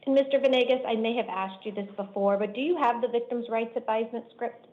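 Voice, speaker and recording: Woman, judge, formal and deliberate, fairly high voice, lo-fi courtroom recording. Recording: dull lo-fi courtroom stream.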